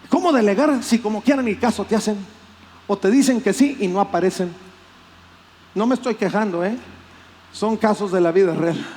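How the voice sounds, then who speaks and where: A man preaching a sermon as pastor, animated and acting out plaintive voices. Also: high-pitched, a little hiss or hum. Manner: animated, acts out voices of complaint.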